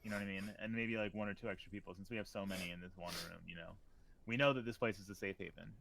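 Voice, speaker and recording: A man playing a tabletop game, chatting loosely and fast with the others. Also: lowish voice, steady tone, creaky, fairly bright tone, slight background noise. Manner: quick, loose, swears and laughs easily. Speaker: player. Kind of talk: casual chat during a tabletop game.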